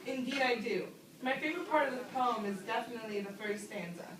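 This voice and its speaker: A woman's voice: a little high, brisk, close to an everyday voice. A teenage girl playing a proud old male 19th-century poet as a talk-show guest, speaking in stiff, formal phrases. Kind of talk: amateur talk-show skit. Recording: echoey room, distant mic, noisy.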